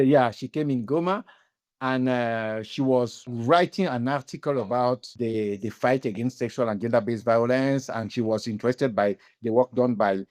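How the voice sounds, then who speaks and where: A man from Cameroon, a guest on an interview podcast, answering off the cuff in a halting way, searching for words and correcting himself. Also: medium pitch, darkish tone. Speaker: interview guest, cycling club founder.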